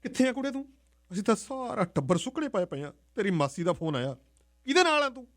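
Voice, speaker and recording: A man voicing a worried mother who speaks in a shrill, fretful voice. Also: big pitch swings, a little fast.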